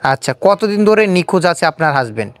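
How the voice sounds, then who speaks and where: Speaking fast in a sing-song, medium-pitched voice, the host conducts a relaxed street-style interview on camera. He has a Bangladeshi accent and echoes answers back as questions, and there's slight background noise.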